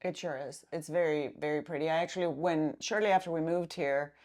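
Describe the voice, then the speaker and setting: A woman, co-hosting a podcast in unhurried casual chat full of filler pauses. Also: low voice, steady tone, a little mellow. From Denmark. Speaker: podcast co-host.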